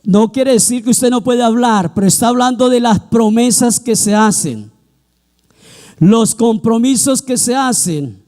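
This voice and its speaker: A man's voice: very high-pitched, a little slow, a little mellow. A man preaching a sermon, acting out quoted voices as he talks. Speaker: pastor.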